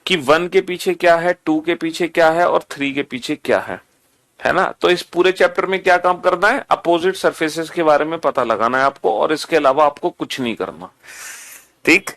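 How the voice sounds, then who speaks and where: A man's voice: fairly high pitch, normal speed, a bit bright. A man teaching a reasoning lesson, repeating points and asking students questions that he answers himself. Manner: repetitive, quizzing, answers his own questions.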